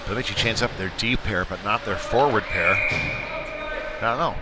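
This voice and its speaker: Loud music plays behind a man with a lowish voice who talks a little slowly as he does live play-by-play of youth hockey. The broadcast comes from a noisy indoor ice rink, and his commentary is casual, with filler words and side remarks.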